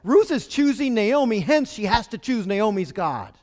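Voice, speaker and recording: A man's voice: high voice, big pitch swings, moderate pace, darkish tone, big-room sound. A man preaching a sermon as pastor, in a conversational way with rhetorical questions.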